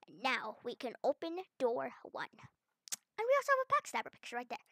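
A woman's voice: high-pitched, moderate pace, no room sound. Woman, gaming video host, playful commentary, talks to herself, dry close sound. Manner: chatty and excitable, talks to herself while exploring.

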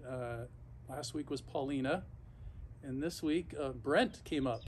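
A middle-aged vlogger with a fairly high, slightly mellow voice delivers an unscripted, casual monologue to camera from an ice bath on his backyard patio. He speaks haltingly and reflectively, pausing partway through sentences. A camera or phone a few feet away picks up clear outdoor ambient noise along with him.

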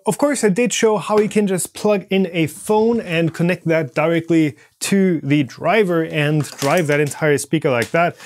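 Wearing a lapel mic indoors in his home studio workshop, a thirty-something maker gives a casual, hands-on product walkthrough, explaining informally as he demonstrates. He speaks on the high side with a darkish tone.

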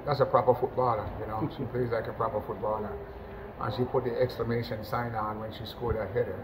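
A middle-aged man from Jamaica, a national team football coach, talking in a relaxed post-match interview over a webcam, full of "you know" fillers and restarts. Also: lowish voice, brisk, background noise. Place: indoors, in front of a sponsor backdrop.

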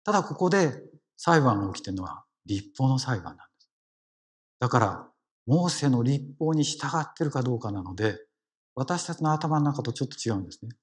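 With a husky, mid-range voice that swings widely in pitch, this Kansai-accented man talks a little fast. He delivers a conversational sermon as a lay preacher, asking the congregation questions and frequently adding "ne."

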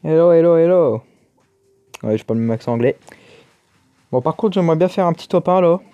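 A man's voice: fairly high pitch, lively intonation, fast talker, mellow, no room sound, dull audio. A man giving casual, chatty commentary over his own gameplay, exclaiming and muttering to himself as he plays. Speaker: gaming YouTuber.

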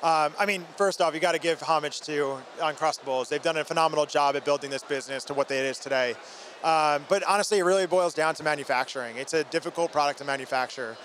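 An energetic man in his thirties, a company founder, talks casually during a trade show interview at a bustling indoor booth. Into his handheld mic he speaks fast, his voice on the high side and fairly bright, over faint convention hall background noise.

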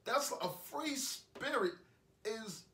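A man's voice: very high-pitched, animated, slow, bright, forceful tone, full character voice. An actor with a New York accent playing a heartbroken young man who rambles bitterly and repeats himself in an indie film monologue. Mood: heated. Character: heartbroken young man ranting after breakup. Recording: echoey room, voice from a distance.

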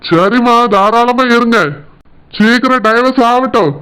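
A voice actor playing a kind elder brother who calmly reassures his sister, in a Tirunelveli Tamil accent. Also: mid-range voice, clear, resonant tone, lightly acted, low-quality recording. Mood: reassuring. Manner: slow, soothing reassurance. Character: kindly elder brother, reassuring village man.

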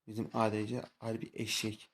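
A man's voice: fairly low pitch, monotone, moderate pace. A young man giving live commentary while playing a mobile game, ranting and swearing at his teammates in exasperation. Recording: clear background noise.

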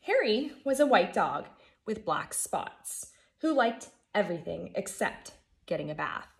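An American woman in her thirties, a first grade teacher reading a children's storybook aloud in an expressive, emphatic way. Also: mid-range voice, a little slow, creaky. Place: living room at home, indoors. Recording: echoey room.

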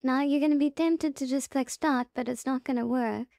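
Walking the listener through software step by step, a female tutorial presenter speaks casually and plainly in a fairly high, mellow voice with very soft edges and some creak. Her intonation is fairly even and her pace moderate, and the recording is close and dry with no room sound at all.

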